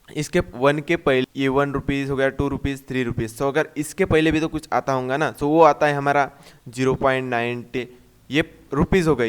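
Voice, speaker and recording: A male math teacher with a smooth, mid-range voice gives a classroom-style math lesson in Hindi with a Marathi accent. He repeats each step, poses questions and answers them himself, and mixes English number words into his Hindi.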